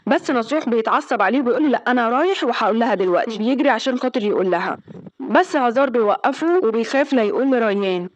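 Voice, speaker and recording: A woman with an Egyptian Arabic accent races through a drama recap at breakneck speed, her voice sitting a little high. She reads each character's lines in her own voice, pitching up for the shouted ones. The close voice-over sound is dry and tight. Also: no echo, muffled recording. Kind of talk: rapid plot-summary narration.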